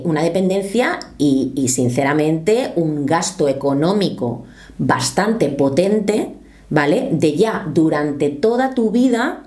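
A YouTuber commentator with a mid-range, warm voice talks earnestly to camera from a small home studio. She explains things, reads quotes aloud, and gestures with her hands as she goes.

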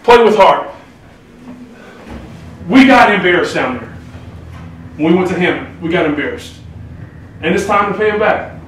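Coach guy doing an urgent locker room pep speech, voice pitched high, far from the mic. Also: lively intonation, moderate pace, pauses often, a bit bright. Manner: rousing, urgent exhortation. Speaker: basketball coach. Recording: echoey locker room, distant mic, noisy.

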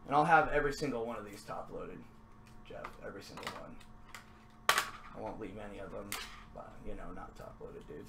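A man's voice: on the low side, animated, brisk, long pauses, heavy background noise. A man hosting a trading card break, chatting casually as he opens packs, upbeat and then mumbling to himself. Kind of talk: casual card-opening commentary.

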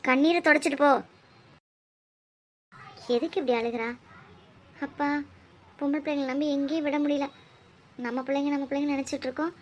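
A woman's voice: high-pitched, fairly even intonation, brisk, long pauses, a little hiss or hum, close to an everyday voice. A woman voicing a fretful mother in a cartoon who grumbles about her grown daughters. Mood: scolding. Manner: complaining, grumbling to herself.

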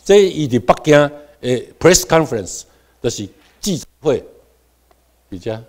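Giving a classroom lecture, a middle-aged Taiwanese man speaks in a high-ish voice with lively intonation, a little slowly. His quiet asides alternate with abruptly loud stressed words, and he has the class echo terms back.

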